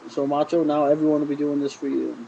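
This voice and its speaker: A man's voice: on the high side, monotone, fast talker, vocal fry, mellow, lo-fi sound, a little hiss or hum. A man giving a casual, rambling review of a wrestling show, often repeating "I mean". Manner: rambling, with frequent "I mean" and restarts.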